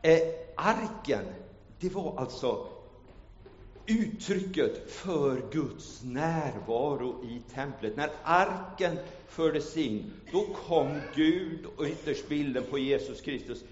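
A man preaching a sermon in a church. He shifts from hushed storytelling to loud, ringing calls. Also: fairly high pitch, animated, a little hiss or hum. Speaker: pastor. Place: church hall. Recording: echoey church hall, dull lo-fi sound.

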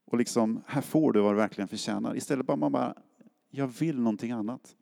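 A man's voice: mid-range voice, gravelly, warm tone. A middle-aged man from Sweden preaching a sermon as a pastor, in a casual storytelling way that acts out quotes. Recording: long hall reverb.

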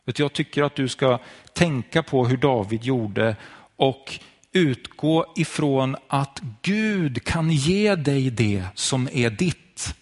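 Husky male preacher telling a Bible story. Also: medium pitch, lively intonation. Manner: storytelling, addresses listener directly. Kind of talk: sermon to viewers at home.

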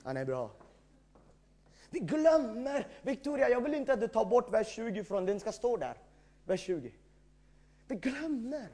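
High-voiced emphatic male preacher. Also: very animated, pauses often. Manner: emphatic preaching, swings between shouting and quiet. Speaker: pastor. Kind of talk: sermon.

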